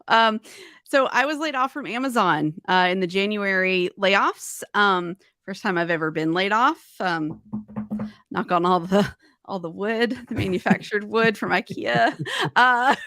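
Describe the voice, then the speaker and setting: A woman's voice: mid-range voice, fairly bright tone, dry recording, studio quality. Bubbly woman telling a story. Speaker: podcast co-host. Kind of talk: casual live podcast chat.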